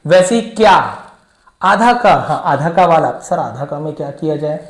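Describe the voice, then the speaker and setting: A man's voice: a little high, animated, moderate pace. A male teacher explaining spelling step by step, patient and repetitive, voicing his students' questions himself. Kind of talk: classroom-style lesson. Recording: echoey room.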